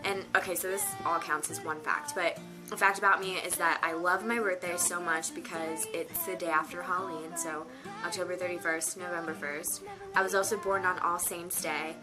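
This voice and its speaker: A woman's voice: lowish voice, fairly even intonation, normal speed, over music. A nineteen-year-old woman chatting casually to camera from her bedroom, rambling with lots of fillers. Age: teens. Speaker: vlogger. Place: her bedroom on a rainy day.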